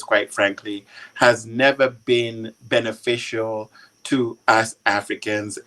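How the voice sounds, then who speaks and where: Man, interviewed journalist, political commentary, measured and articulate, frequent halting pauses, mid-pitched voice. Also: a bit bright, low-quality recording. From Kenya.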